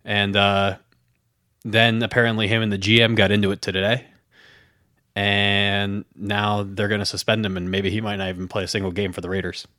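Low-voiced dry sarcastic man. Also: level tone, sharp tone, no room sound. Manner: dry sarcastic, measured explanations. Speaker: podcast co-host. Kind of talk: casual chat.

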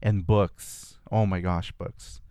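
A Californian man whose first language is Spanish reflectively tells stories from his childhood as a guest in a casual conversation, restarting often. His voice sits low and sounds warm and clean, with fairly even intonation and a slow pace, in clean, echo-free studio sound.

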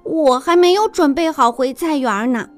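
A woman's voice: sits high, moderate pace, faint music behind, lightly acted. A woman voicing an impatient, grumbling old aunt who loves her garden, in a children's storybook reading. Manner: complaining, impatient.

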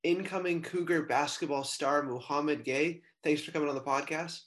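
A man's voice: fairly high pitch, steady tone, normal speed, fairly bright tone. A man with an American accent asking questions as the host of a casual interview podcast. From San Francisco, United States.

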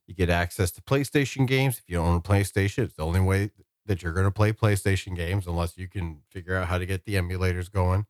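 Deep-voiced man on a podcast, dry sound. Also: fast, dry recording. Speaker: podcast co-host. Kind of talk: casual podcast discussion.

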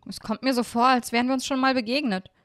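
A woman's voice: a little high, steady tone, fast talker, a bit bright, dry recording, studio quality, voice pushed up, natural voice. A woman voicing a cheerful, curious young village boy in a storybook reading, talking eagerly and in a friendly way.

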